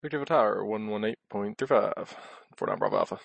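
A man speaking as a pilot over a headset, making brisk, procedural radio calls to air traffic control. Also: on the low side, wildly swooping pitch, creaky, breathy edge, dry recording.

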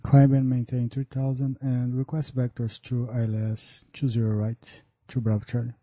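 Very dark-voiced male pilot on headset radio. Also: medium pitch, completely flat delivery, normal speed, no room sound. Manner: clipped, procedural readbacks. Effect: pilot cockpit headset radio. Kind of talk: aviation radio calls. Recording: muffled lo-fi radio audio.

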